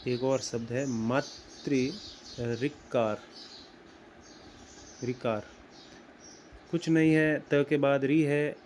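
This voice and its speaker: A man teaching grammar, explaining slowly and deliberately and repeating words as he writes them out. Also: mid-range voice, darkish tone, slight background noise. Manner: slow and deliberate, repeats words while writing. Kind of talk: explaining at a whiteboard.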